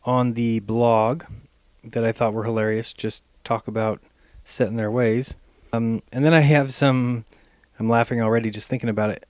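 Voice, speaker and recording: A man's voice: mid-range voice, a little mellow, no room sound. A man hosting his own channel, talking loosely and chattily to viewers with lots of "uh" fillers. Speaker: channel host. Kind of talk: casual talk to camera.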